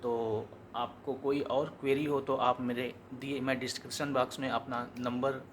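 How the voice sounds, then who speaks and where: Speaking at a medium pitch and moderate pace, an Indian man flatly guides viewers through software one step at a time. His informal tutorial repeats instructions as he explains, with a little noise behind him.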